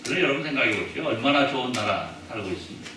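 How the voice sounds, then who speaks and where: A man's voice: medium pitch, lively intonation, rapid-fire, noisy background. A male pastor preaching a sermon in a chatty, joking way, often putting questions to the congregation. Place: church sanctuary. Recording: echoey church hall, mic at a distance.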